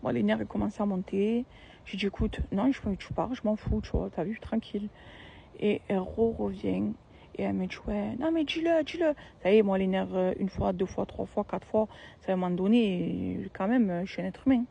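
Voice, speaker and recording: A woman's voice: mid-range voice, steady tone, moderate pace, vocal fry, warm tone, a little hiss or hum. A young woman, telling a personal story in a casual, slangy, emphatic and repetitive way.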